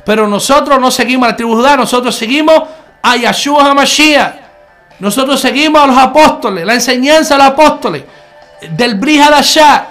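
A man's voice: very high-pitched, expressive, a little fast, fairly bright tone, soft background music. A man giving a conversational online sermon as a Messianic preacher, earnest, repeating key phrases and calling the listener brother.

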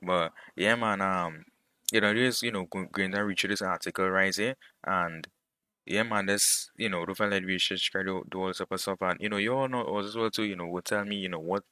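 A man with a low, bright, forceful voice talking straight to his viewers in a casual vlog. He rambles, packing his talk with fillers and slang as he goes. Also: fairly even intonation, a little fast, dry recording. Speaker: vlogger.

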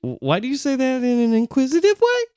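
A man's voice: extremely high pitch, huge pitch swings, warm tone, smooth, no room sound. A man hosting a podcast in a home studio, joking and teasing his guests in a casual chat. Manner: playful, teasing, quick to joke. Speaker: podcast host. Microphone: studio microphone.

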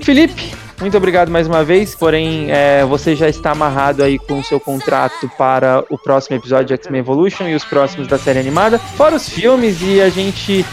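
A Brazilian man speaks as a podcast host in a rather high male voice. He is conversational and informal, often ending phrases with little tag questions. Faint music runs behind him. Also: brisk, few pauses. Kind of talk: casual podcast hosting. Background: background music.

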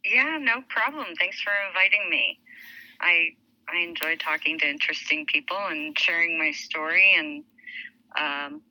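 A woman in her forties from Lebanon and Saudi Arabia chats casually about her life as a podcast guest, sprinkling in fillers and light laughs. Her lowish voice is bright and forceful, moving at a moderate pace, and the recording quality is low.

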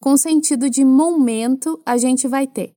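Brazilian woman, French teacher, high voice, dry close sound, patient and playful. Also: a little slow, warm tone, no echo. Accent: Brazilian Portuguese. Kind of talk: language lesson for Portuguese speakers.

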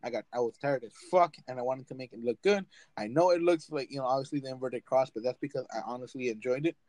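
Blunt rambling young podcast host, dry. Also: male voice, mid-range voice, fast talker, a little mellow, no echo. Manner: rambling, blunt, swears freely. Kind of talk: casual podcast chat.

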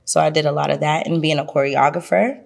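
Low-pitched, fast and gravelly, this woman speaks in a thick Boston accent. She's an actress appearing as a guest in a casual interview, bubbly and laughing a lot, with lots of ums.

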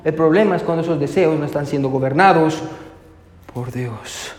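A man's voice: fairly high pitch, moderate pace. A male pastor preaching a sermon, emphatic and full of rhetorical questions, often adding "amen". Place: church sanctuary. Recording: echoey church hall with long reverb.

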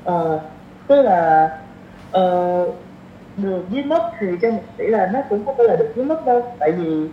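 A very animated woman in her 20s speaks at a moderate pace in a mid-range voice with a southern Vietnamese accent. Appearing as a podcast guest, she mixes English slang into a casual interview recorded with roomy, dull audio and faint noise.

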